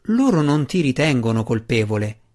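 A man voicing an earnest, wry dark elf warrior, speaking in a pressing, slightly raised voice. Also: medium pitch, big pitch swings, moderate pace, close to an everyday voice.

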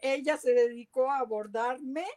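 A woman from Rica, a guest speaking in a measured, thoughtful way in a casual chat. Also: sits high, a little mellow. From Costa Rica.

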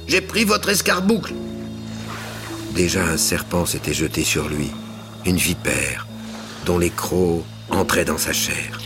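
A man giving theatrical scripted narration of a legend, swelling at tense moments and hushing at calm ones. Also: sits low. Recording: music bed underneath.

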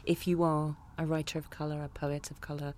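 A woman's voice: sits low, little pitch movement, brisk, a little mellow, slight background noise. A woman hosting a panel discussion, asking probing questions and searching for words. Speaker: host.

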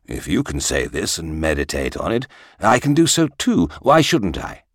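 A man's voice: very deep voice, big pitch swings, moderate pace, fairly bright tone, no echo, studio quality, full character voice. A man voicing a proud king who answers with indignant insistence.

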